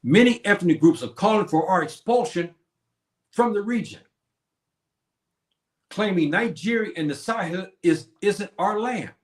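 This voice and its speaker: A stream host with a voice that sits high lectures preachily on history, posing questions and then answering them himself. He speaks a little slowly with lively intonation and long pauses, and his streaming setup picks up an echoey room.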